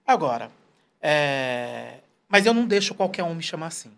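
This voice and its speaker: A man's voice: a little high, normal speed, vocal fry. A man in his forties, a guest in a casual interview, telling stories and quoting people in short put-on voices. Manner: animated, storytelling, quotes people in put-on voices.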